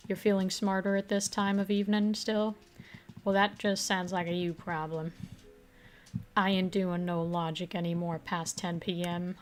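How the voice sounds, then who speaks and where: A woman's voice: mid-range voice, a little hiss or hum. A woman, a streamer in casual live-stream chat, loose and profane, muttering at puzzle pieces.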